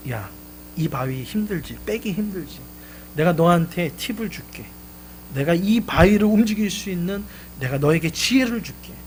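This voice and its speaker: Pastor doing a strict dad giving advice, scolding, raised and firm. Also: male voice, sits high, lively intonation, moderate pace, a little hiss or hum. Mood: coaxing. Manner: coaxing, then scolding. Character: stern, advising father of a young boy.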